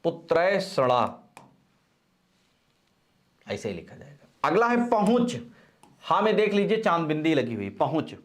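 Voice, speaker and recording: With a voice on the high side, this male Hindi grammar teacher coaches students through spelling for their exams. He says every word slowly more than once, leans on the key syllables, and keeps up an animated stream of reminders to stay focused.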